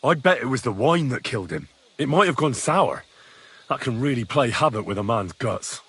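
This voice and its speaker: An actor playing an eager, talkative young squire with a raspy voice who speaks plainly and deferentially. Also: male voice, mid-range voice, lively intonation, normal speed, fairly bright tone, exaggerated voice. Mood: chatty. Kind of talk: video game cutscene dialogue.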